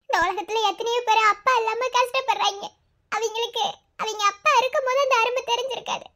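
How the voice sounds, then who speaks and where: A woman's voice: steady tone, fairly quick, bright, forceful tone. A woman voicing a devoted young village daughter in a cartoon, speaking with a Madurai Tamil accent in an emotional, pleading way. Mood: tearful. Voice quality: very high, girlish. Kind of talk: cartoon voice acting.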